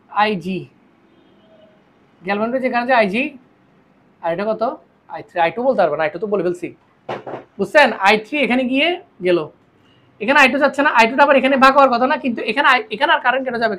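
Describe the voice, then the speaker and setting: A tired woman lectures a physics class at a quick clip. Her voice sits fairly high, and she keeps firing questions at her students before answering them herself. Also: fairly bright tone. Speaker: physics teacher. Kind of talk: classroom lecture solving circuit problems.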